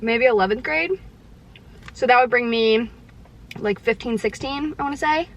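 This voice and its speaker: A woman's voice: a little high, moderate pace, lo-fi sound. A young adult woman chatting candidly with viewers while eating, filling her talk with "like". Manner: chatty and candid, heavy use of "like"; talks while eating, sometimes with mouth full. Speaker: vlogger answering viewer questions. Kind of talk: casual chat.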